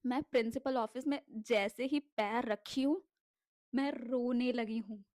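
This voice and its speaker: A young woman telling a casual storytime about her school days, animated, swearing freely and mixing in English words. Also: on the high side, measured pace, no echo.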